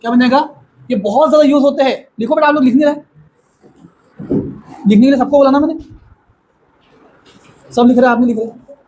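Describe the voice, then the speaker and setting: A man teaching a grammar lesson to a classroom of students, explaining slowly and asking them questions again and again. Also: extremely high pitch, darkish tone, a little hiss or hum, rough recording.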